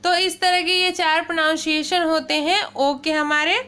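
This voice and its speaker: A woman's voice: very high voice, flat delivery, bright, forceful tone. A woman teaching pronunciation to children, spelling words out letter by letter and often checking in with "okay". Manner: addresses listeners as children; slow, careful explaining. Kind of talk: classroom-style lesson.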